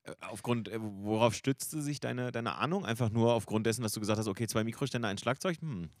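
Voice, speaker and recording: A man's voice: on the low side, brisk, no room sound. A man hosting a casual podcast, talking in a wry, wordy, roundabout way with plenty of banter. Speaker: podcast host.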